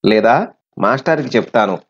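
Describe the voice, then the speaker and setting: A man's voice: mid-range voice, expressive, moderate pace, husky. A man reading an earnest schoolboy. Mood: indignant. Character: timid young boy, honest and brave. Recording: slightly muffled recording.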